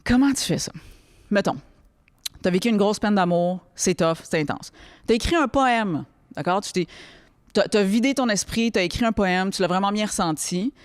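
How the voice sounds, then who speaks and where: A woman's voice: medium pitch, normal speed, no echo, studio quality. Chatty Québécoise woman coaching teens. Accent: Quebec French. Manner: lively, chatty, addresses the listener directly with frequent checks. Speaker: workshop host speaking to teens. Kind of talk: casual instructional talk. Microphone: close microphone, podcast recording.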